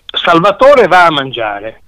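A male teacher with a Sicilian accent gives a dialect lesson in a fairly high, very lively voice. The recording is dry and close, and he spells out rules and examples in a didactic way. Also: slow, dry recording. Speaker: language teacher.

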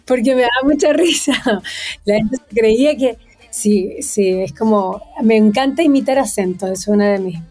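A talkative woman chats casually as an interview guest, spontaneous and quick to laugh. Her voice sits a little high but sounds mellow and warm. Faint music plays behind her. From Chile and Venezuela. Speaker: guest, singer and TV presenter.

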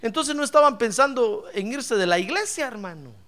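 A man preaching a lively, humorous sermon as a pastor, speaking fervently, crying out praise and often calling his listener brother. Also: extremely high pitch, normal speed. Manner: fervent, jokes, cries out praise, keeps addressing "hermano".

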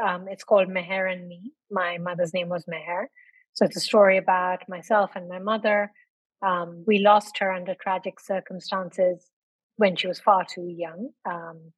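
Husky-voiced woman, reflective and measured. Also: on the low side, no echo, poor audio. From born in London, raised in India. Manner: reflective, measured, with frequent ums. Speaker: podcast guest, author. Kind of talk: conversational interview.

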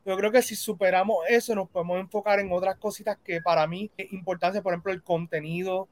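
Interview host, mid pitch, casual, thinks aloud, mixes in English. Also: steady tone, fast.

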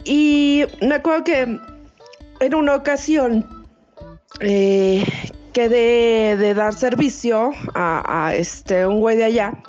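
Slangy high-voiced Mexican woman. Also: takes it slowly, dull audio, faint music behind. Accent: Mexico City Spanish. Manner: slangy, profane, chatty, lively asides. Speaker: storyteller. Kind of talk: casual spoken anecdote.

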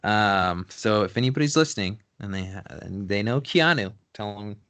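A man's voice: on the low side, lively intonation, normal speed, a bit bright. A man being interviewed as a photographer, talking in a laid-back, slangy way and laughing often. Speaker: photographer guest. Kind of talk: casual interview chat.

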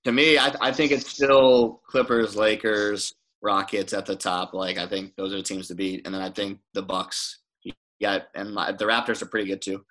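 Bright-voiced man in casual sports chat. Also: on the low side, little pitch movement, moderate pace. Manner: rambling, swears, many restarts. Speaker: podcast co-host.

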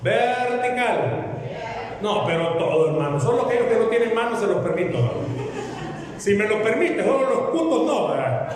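A man preaching a sermon as pastor, animated and joking with the congregation. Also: sits high, brisk, a crowd in the background. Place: church hall. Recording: echoey hall, long reverb.

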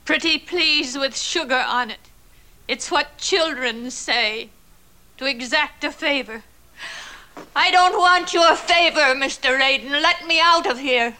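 An actress playing a proud, defiant schoolteacher in a vintage television drama, speaking with haughty, pointed scorn. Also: female voice, high-pitched, takes it slowly, sharp tone, full character voice, rough recording. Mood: scornful defiance.

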